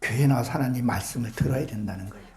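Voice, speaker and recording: A man preaches from the pulpit with fervent conviction, pressing his congregation with rhetorical questions. His voice sits at an ordinary pitch and rings through a reverberant church hall. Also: rapid-fire. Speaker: pastor. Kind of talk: sermon.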